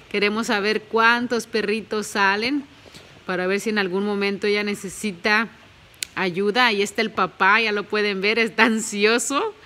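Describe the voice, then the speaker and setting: A woman's voice: medium pitch, sharp tone, a little hiss or hum, low-quality recording. A woman vlogging at home on a phone, chatty and doting, mixing in English words. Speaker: family vlogger. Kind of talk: casual home vlog narration. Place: at home beside a birthing dog.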